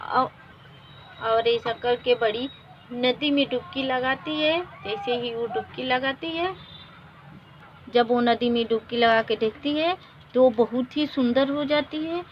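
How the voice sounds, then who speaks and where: A woman's voice: fairly high pitch, measured pace, a little hiss or hum. A woman narrating a children's doll story in a plain, simple way. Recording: dull lo-fi recording.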